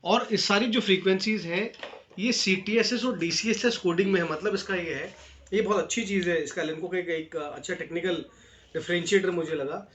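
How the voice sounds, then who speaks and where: Unboxing a product casually, an Indian reviewer speaks with a high-pitched voice at moderate speed, addressing his audience warmly and using English terms as he explains features. The recording has room echo with constant noise and clicks.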